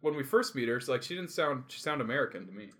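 A man's voice: mid-range voice, expressive, quick pace, a bit bright. A man from Canada co-hosting a casual podcast chat, joking and laughing easily as he rambles through a recap. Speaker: podcast co-host.

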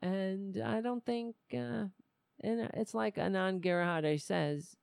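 A woman hosting a live political show, chatting casually to viewers in a loose, halting, conversational way. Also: mid-range voice, creaky, darkish tone, smooth, no echo, clean studio sound.

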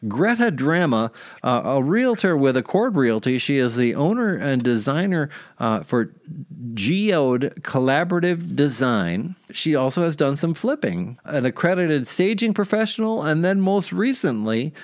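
A man's voice: a little high, sing-song, measured pace, dry recording, studio quality. A man hosting a podcast in casual chat, talking in a chatty, rambling way with fillers. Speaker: podcast host.

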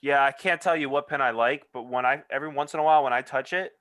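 A man's voice: medium pitch, fast talker, a bit bright, no room sound. A man in casual chat, laid-back and joking, swearing casually.

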